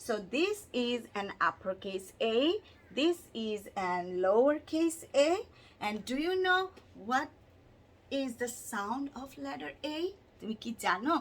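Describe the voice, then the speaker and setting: A woman's voice: fairly high pitch, lively intonation. A woman with a Bangladeshi accent teaching letter sounds to children, drawing out words and repeating them in a sing-song way. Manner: slow, drawn-out, sing-song repetition, switching between English and Bangla. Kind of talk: phonics lesson for kids.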